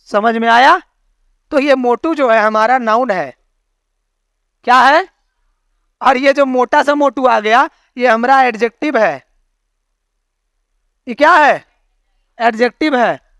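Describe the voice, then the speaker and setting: High-voiced man teaching a grammar class. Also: a bit bright, clear, resonant tone, no echo, clean studio sound. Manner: explains with homely analogies, keeps checking understanding with questions. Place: classroom with students.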